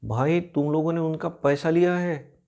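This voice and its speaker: A man's voice: fairly high pitch, fairly even intonation, measured pace, warm tone, pitched above the performer's own voice. A man playing an honest, helpful young job applicant who speaks earnestly and politely in a told story.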